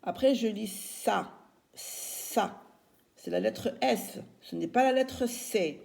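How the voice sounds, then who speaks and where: A woman teacher giving a spelling lesson to young children, slowly sounding out syllables and spelling words letter by letter. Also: fairly high pitch, sing-song, gravelly, darkish tone. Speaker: primary school teacher.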